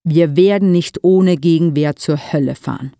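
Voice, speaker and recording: A narrator voicing a reckless young man who shouts fervently at the storm, in an audiobook reading. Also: medium pitch, moderate pace, vocal fry, no echo, clean studio sound, lightly acted. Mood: defiant shouting. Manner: shouting, frantic.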